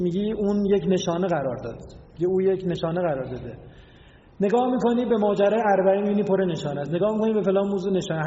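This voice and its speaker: A man's voice: high-pitched, warm tone. A man giving a religious lecture, explaining word meanings and asking his listeners rhetorical questions. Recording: echoey hall, dull lo-fi sound.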